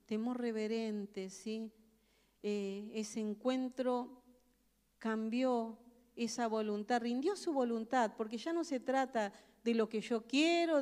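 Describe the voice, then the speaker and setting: A woman's voice: on the high side, a little mellow, clear, resonant tone. A woman preacher, giving an earnest sermon full of emphatic rhetorical questions. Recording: long reverb of a large hall.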